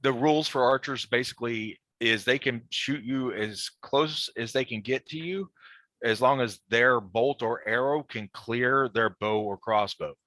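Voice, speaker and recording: A man's voice: mid-range voice, unhurried, pushed and bright, no room sound. A man teaching melee command on a video call, talking loosely with many fillers and restarts. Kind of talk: explaining tactics in a group call.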